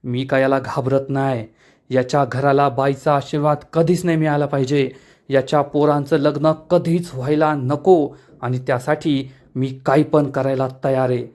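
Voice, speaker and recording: A man's voice: mid-range voice, little pitch movement, moderate pace, a little mellow, natural voice. A man voicing a scheming older aunt who speaks in a spiteful, defiant way.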